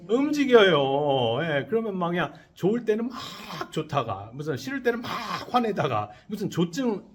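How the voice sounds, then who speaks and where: A man, a Buddhist monk, giving a sermon to a congregation, posing questions and answering them himself and having the listeners repeat his phrases. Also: on the high side. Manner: leads the congregation in call-and-response repetition. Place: temple dharma hall.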